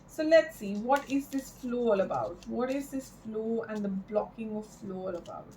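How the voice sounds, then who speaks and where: A woman giving an improvised, mystical horoscope tarot reading in a halting, reflective way, repeating phrases for emphasis. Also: on the high side, mellow, a little hiss or hum, low-quality recording. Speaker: tarot card reader.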